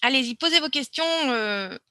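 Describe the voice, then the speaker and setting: A woman's voice: on the high side, lively intonation, normal speed, pushed and bright, no room sound. A woman presenting a live webinar, talking casually and hesitantly with many fillers and restarts as she answers questions and shares her screen.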